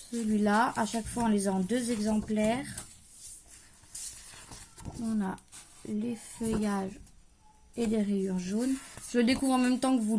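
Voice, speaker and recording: A woman's voice: on the high side, a little mellow, a little hiss or hum. A young woman chatting casually through a craft haul at home, thinking aloud as she unpacks and trailing off now and then, with a light regional accent. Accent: French-speaking, regional. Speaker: crafting vlogger showing a haul. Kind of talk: casual haul chat to camera. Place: at home, at a craft table, creaky chair.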